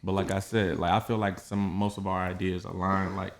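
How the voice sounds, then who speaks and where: Deep-voiced earnest man from Atlanta. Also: level tone. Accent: Southern US, Atlanta. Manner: earnest, halting, many fillers. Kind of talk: casual podcast chat.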